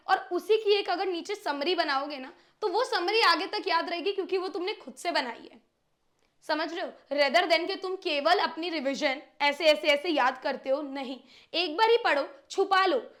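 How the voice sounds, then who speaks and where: A woman's voice: high-pitched, a bit bright. A young woman teacher giving students study tips, talking straight to them and acting out their questions.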